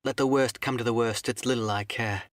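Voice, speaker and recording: A man's voice: mid-range voice, steady tone, a little fast, no echo, clean studio sound, natural voice. Man reading as bold boy adventurer Jim Hawkins. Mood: excited defiance. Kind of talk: dramatised audiobook reading.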